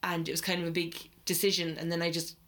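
A woman's voice: fairly low pitch, monotone, fast, fairly bright tone. A woman in her twenties with an Irish midlands accent, chatting casually and colloquially as a podcast co-host. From Ireland. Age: 20s. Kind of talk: casual banter between friends.

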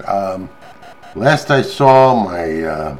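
Older American male vlogger, folksy and unhurried, slightly low voice, loose halting chat. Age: older, grandfather. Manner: folksy, chuckling, halting delivery. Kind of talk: rambling casual chat to listeners. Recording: clearly noisy background.

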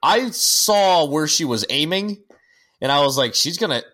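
A man's voice: fairly high pitch, expressive, measured pace, pushed and bright. Rambling man, casual podcast talk. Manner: rambling, many fillers and restarts, swears casually; firearms-nerd critiques. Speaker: podcast co-host. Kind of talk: casual chat.

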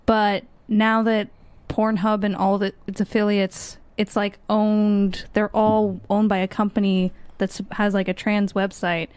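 Woman, podcast guest, chatty, smooth voice, dry close recording. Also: medium pitch, flat delivery, a little slow, darkish tone, no echo. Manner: chatty, talks with lots of likes. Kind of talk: casual comedic chat.

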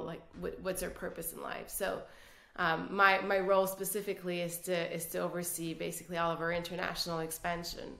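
This woman's voice is lowish and a little bright. A guest executive from Quebec City, Canada, whose first language is French, she speaks earnestly in a podcast interview and restarts often. The room gives a noticeable echo.

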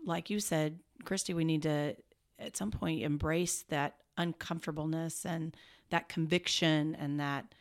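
Slightly low-voiced woman, casual chat. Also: fairly even intonation, measured pace. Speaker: podcast co-host. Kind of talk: casual group conversation.

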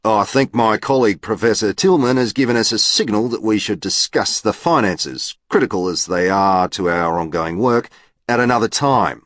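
A man's voice: on the low side, normal speed, a bit bright, no echo, studio quality, voice pushed up, natural voice. A man doing a charming, sociable professor. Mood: smooth. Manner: smooth and charming. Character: smooth sociable male professor.

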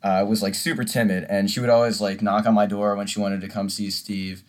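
A man's voice: on the low side, little pitch movement, brisk. A young man co-hosting a podcast, telling a story casually and acting it out with swearing and laughter. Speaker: podcast co-host. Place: audio-only podcast recording.

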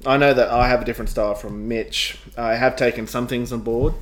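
A man's voice: mid-range voice, fairly even intonation, fairly quick. A man co-hosting a casual podcast chat as the game master, talking cheerfully with lots of fillers and giggles.

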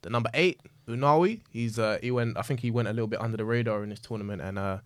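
A man's voice: mid-range voice, fast talker, no room sound, clean studio sound. A man with a London roadman accent chatting casually about football as a podcast co-host, using heavy street slang and repeating phrases for emphasis. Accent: London roadman, multicultural London English.

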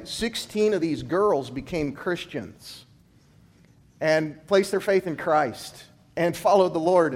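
Guy with a kinda high voice, ex gymnastics coach preaching to students, emphatic, swoops up and down, goes low and quiet on the big lines. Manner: emphatic storytelling, big swings in pitch and loudness; drops low and quiet to land key points. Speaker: former gymnastics coach, speaker.

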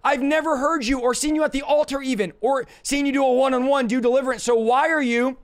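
A male preacher with a very high, raspy voice, strained and worn from overuse. He teaches informally to a livestream, pushing his points combatively and repeating them for emphasis. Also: steady tone, quick pace. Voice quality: hoarse, raspy. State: voice worn out from yelling. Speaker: preacher and deliverance minister.

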